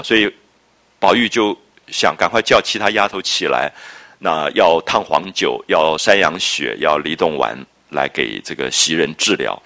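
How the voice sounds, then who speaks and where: Man, low-pitched, bright forceful tone, literature lecture, reflective, rhetorical questions. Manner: explanatory, checks understanding with rhetorical questions; drawn-out, reflective phrasing with frequent interjections. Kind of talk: lecture on a classic novel.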